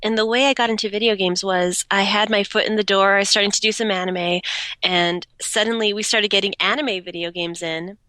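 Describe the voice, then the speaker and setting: A woman's voice: mid-range voice, steady tone, bright, forceful tone, no room sound. Bubbly young woman with a stuffy nose. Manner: bubbly and giggly, quick to laugh. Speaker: voice actress guest. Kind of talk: casual podcast interview.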